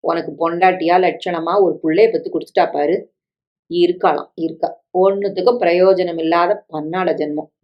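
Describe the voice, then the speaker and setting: A woman's voice: fairly low pitch, steady tone, normal speed, natural voice. Woman reading as a coaxing guilt-tripping stepmother, middle-aged, pushy, dull lo-fi sound. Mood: pleading. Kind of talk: story reading with dialogue.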